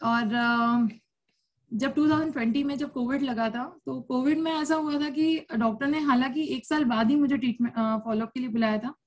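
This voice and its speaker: A woman in her thirties from India shares her own story before a seated audience at a support circle. Her voice sits somewhat high, and she tells it candidly and chattily, with laughs breaking in often. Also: normal speed. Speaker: cancer survivor sharing her story. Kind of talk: personal testimony at a support circle.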